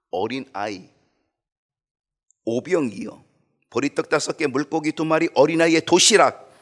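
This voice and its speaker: A man preaching a Sunday sermon as pastor, with animated delivery that swings from loud to hushed. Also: medium pitch. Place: church sanctuary.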